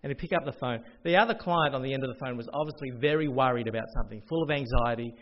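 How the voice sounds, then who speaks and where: A man preaching a sermon as pastor, expressive and rising to loud proclamations. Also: mid-range voice, racing, a little hiss or hum. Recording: dull lo-fi audio.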